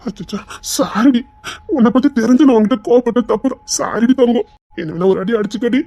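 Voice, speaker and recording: A contrite young husband, voiced by a woman, pleads in a Tirunelveli Tamil accent, piling up quick apologies and soft coaxing. The delivery is fast and close, with almost no room sound. This is web-series drama acting. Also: on the high side, no echo. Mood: pleading. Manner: pleading, repeats apologies rapidly. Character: young husband, remorseful and tender.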